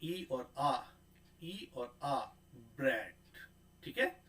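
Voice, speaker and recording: Man, lecturer, bright clear voice, drills sounds and repeats words. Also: medium pitch, big pitch swings, poor audio. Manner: drills sounds slowly, repeats words, frequent tag questions. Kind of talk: pronunciation lecture.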